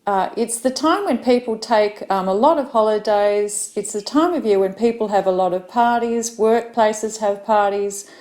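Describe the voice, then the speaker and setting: A woman's voice: mid-range voice, moderate pace, few pauses, a little mellow. A middle-aged Australian woman, an English teacher, giving a practice speaking talk with many fillers.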